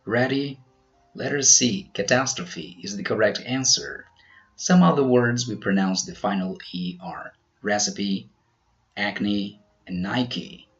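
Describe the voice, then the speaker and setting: A man teaching pronunciation in a scripted quiz, slowly over-articulating each example word. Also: on the low side, lo-fi sound, soft background music. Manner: slow, careful, over-articulated delivery of example words.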